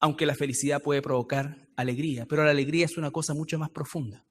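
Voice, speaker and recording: A Chilean man preaching a Bible study sermon in church, explaining words slowly and repeating key phrases for emphasis. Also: fairly high pitch, steady tone. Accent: Chilean Spanish.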